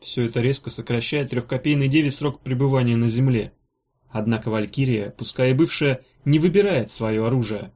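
A man narrating a fantasy novel as an audiobook in a steady, even storytelling manner. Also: medium pitch, fairly quick. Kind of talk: scripted narration.

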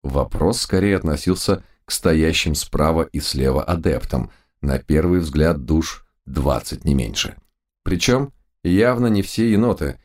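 A man's voice: very deep voice, expressive, unhurried, a little mellow. A man reading a first-person story aloud in a wry, ironic storytelling manner. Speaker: audiobook narrator. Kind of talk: first-person scripted narration.

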